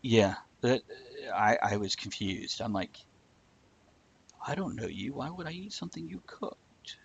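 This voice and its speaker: A man with a medium-pitched, very animated voice hosts a live stream from a room, chatting casually and irreverently at an unhurried pace. He swears freely as he goes. The recording is muffled, with clear background noise.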